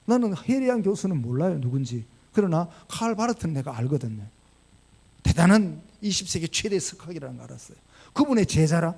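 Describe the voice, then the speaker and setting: Male pastor, middle-aged, storytelling sermon, high voice, gravelly. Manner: storytelling preacher, swings from quiet to emphatic.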